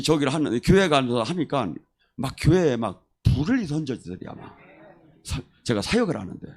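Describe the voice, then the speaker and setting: A man preaching a sermon as a pastor, telling testimony stories in an animated way and acting out the people he quotes. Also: mid-range voice. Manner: animated storyteller who acts out quoted voices.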